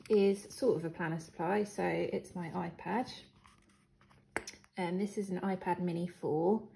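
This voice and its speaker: Speaking at a medium pitch, this planner vlogger is a young woman with a British accent giving a relaxed tour of her planner supplies. Her voice is croaky and she keeps clearing her throat, hesitating with frequent ums and little laughs. The hard-floored living room makes the audio echoey, with a faint hiss.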